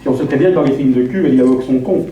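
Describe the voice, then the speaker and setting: A man's voice: very fast, muffled recording, over a noisy crowd. A male stand-up comedian from Belgium, chatty and full of asides, often ending lines with a questioning "hein" and slipping into song parodies on a theatre stage. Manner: chatty, punctuates with "hein", drops into low asides and parody singing. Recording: distant live stage recording in a very echoey hall. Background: audience laughter.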